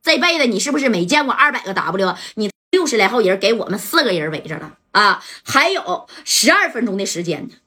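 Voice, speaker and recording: A woman voicing a tough, steady man who speaks firmly and defiantly. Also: medium pitch, brisk, few pauses, breathy edge, heavily acted. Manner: firm, defiant. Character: steady, tough male fixer who stands up to his foes.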